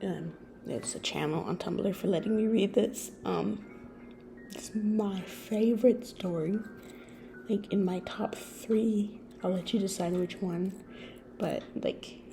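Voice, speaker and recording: A young woman reading a fan story aloud, soft-spoken and prone to rambling when she speaks off script. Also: mid-range voice, takes it slowly, creaky, faint music behind. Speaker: story reader. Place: friend's office.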